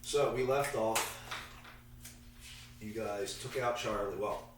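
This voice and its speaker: A man with a gravelly, congested voice, casually and haltingly narrating a tabletop game as game master. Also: fairly low pitch. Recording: echoey room, far from mic, faint noise.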